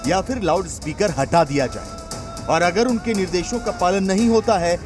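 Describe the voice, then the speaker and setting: A man with a high-pitched voice reads a scripted news report as a voice-over at normal speed, delivering it emphatically and dramatically over a music bed.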